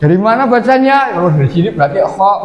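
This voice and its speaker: A man's voice: sits high, expressive, fast talker, highs cut off. A man teaching a class, patiently quizzing students and chanting verses now and then. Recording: echoey room with long reverb.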